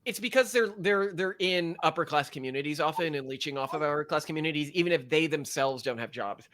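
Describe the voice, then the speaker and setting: A podcast co-host with a slightly high, a bit bright voice talks briskly. He's rambling and sarcastic in this casual, opinionated chat, reading facts off a list.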